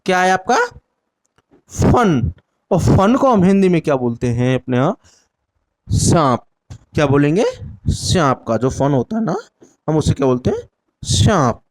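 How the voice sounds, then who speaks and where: A man's voice: a little high, sing-song, measured pace, pauses often. A man teaching an exam-prep Hindi lesson, asking questions and answering them himself while repeating the key words. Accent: Indian Hindi.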